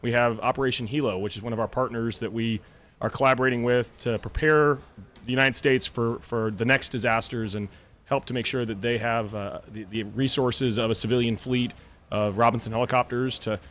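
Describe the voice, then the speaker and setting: A man's voice: mid-range voice, steady tone, a little fast, fairly bright tone. A man being interviewed on live radio as a company president, earnest and repeating words as he thinks.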